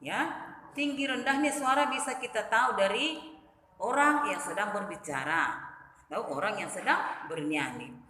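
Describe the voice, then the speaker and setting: A woman primary school teacher giving a recorded lesson, addressing young children in a sing-song, drawn-out teacherly way. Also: medium pitch, expressive, sharp tone, slight background noise. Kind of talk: recorded online class lesson. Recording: echoey room with long reverb.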